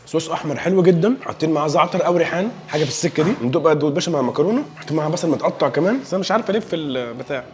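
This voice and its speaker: A man's voice: on the high side, racing, few pauses, faint music behind. A young man with an Egyptian Arabic accent, reviewing dishes in a casual food vlog, joking and enthusiastic as he tastes. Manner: playful, joking, enthusiastic tasting remarks.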